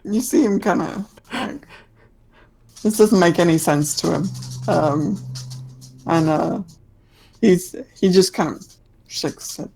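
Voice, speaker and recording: A woman improvising narration as a tabletop game master, with a hesitant, halting delivery. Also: on the low side, creaky, dark tone, breathy edge, soft background music.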